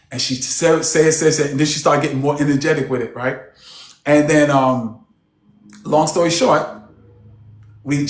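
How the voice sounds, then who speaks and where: A man coaching a group on a video call, preaching emphatically and swinging between loud and soft. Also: mid-range voice. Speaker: personal development coach. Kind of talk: motivational group coaching session. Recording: roomy echo on a call.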